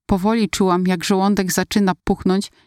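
A woman narrating a first-person story in a calm, confiding way. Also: medium pitch, moderate pace, clear, resonant tone, dry recording, studio quality. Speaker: audiobook narrator.

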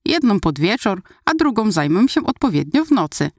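A woman voicing a cheerful, wisecracking male coworker in an audiobook story, excitable as he talks. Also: mid-range voice, moderate pace, no room sound, studio quality. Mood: lively joking.

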